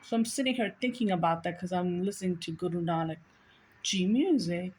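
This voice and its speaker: A woman's voice: lowish voice, a little fast, a little mellow. Earnest rambling woman telling a story. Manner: rambling, earnest, with frequent restarts. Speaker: vlogger. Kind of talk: casual spoken storytelling to viewers.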